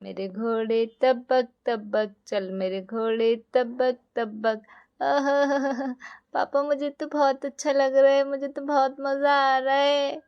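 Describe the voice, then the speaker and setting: A woman voicing a small excited boy who keeps pleading for a horse ride in a doll story. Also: high-pitched, slow pace, clear, resonant tone. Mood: delighted. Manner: whiny, pleading. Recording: dull lo-fi recording.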